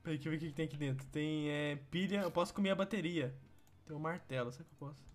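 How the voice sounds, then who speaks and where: A man's voice: fairly high pitch, rapid-fire. A young man with a Brazilian Portuguese accent hosting a gaming video, teasing his partner and breaking into shrieking laughter. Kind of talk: playful game commentary.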